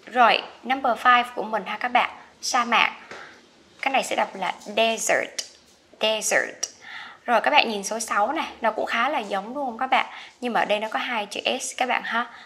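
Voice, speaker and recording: A woman teaching English pronunciation, saying each word slowly and repeating it to drill it. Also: on the high side, pushed and bright, slight background noise. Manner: slow, careful drilling of each word twice. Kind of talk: slow vocabulary lesson with repetition.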